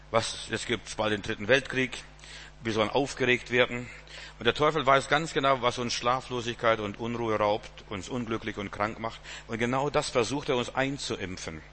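A man's voice: mid-range voice, pushed and bright, a little hiss or hum. A man preaching a sermon in a rambling way, repeating words and chuckling now and then.

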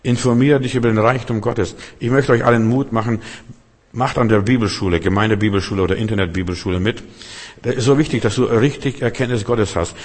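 A man's voice: fairly low pitch, quick pace. A man preaching a sermon, emphatic and direct, who keeps turning to his listeners with repeated questions and short punchy phrases. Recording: long hall reverb.

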